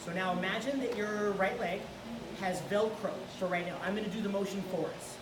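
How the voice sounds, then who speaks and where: Speaking a little fast at a medium pitch, this woman teaches jiu-jitsu technique, cheering on her student and guiding each move while they grapple on the mats. A distant camera catches her across the big indoor gym, so the sound is roomy, echoing and noisy.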